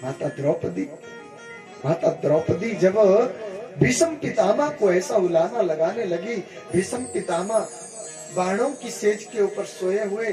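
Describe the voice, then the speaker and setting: A man's voice: high voice, animated, unhurried. A male devotional preacher telling a scripture story in a dramatic, emphatic sermon and calling on listeners to chant. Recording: echoey room with music behind.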